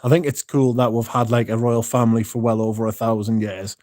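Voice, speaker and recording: A tired-sounding British streamer in his 30s talks into his phone on a laid-back livestream, medium-pitched and flat, a little fast and a little mellow. His chat rambles, is full of swearing and has many false starts. The sound is dry and close-miked, with no room echo.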